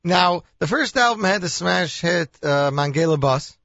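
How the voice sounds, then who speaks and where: A man's voice: high-pitched, lively intonation, moderate pace, a bit bright, no echo, dull audio. A man hosting a radio interview, asking questions conversationally and chiming in with short acknowledgments. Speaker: radio host.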